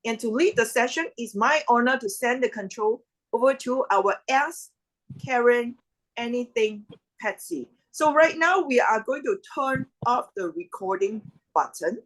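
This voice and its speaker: A woman's voice: fairly high pitch, a little slow, poor audio. A woman hosting an online event over a video call, upbeat with formal announcer phrasing. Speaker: event host.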